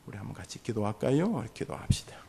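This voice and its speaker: A man's voice: lowish voice, big pitch swings, fast, vocal fry, a little mellow, a little hiss or hum. A man preaching as a pastor, blessing the congregation's children and leading them through a long list of names to pray over. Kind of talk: sermon and congregational prayer. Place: church sanctuary. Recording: long church hall reverb.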